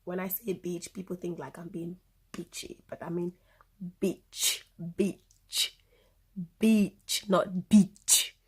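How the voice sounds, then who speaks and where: A woman in her twenties with a Cameroonian accent vlogs casually to her phone camera, speaking slowly in a lowish, steady voice with a breathy edge. She's informal and likes to repeat things for emphasis.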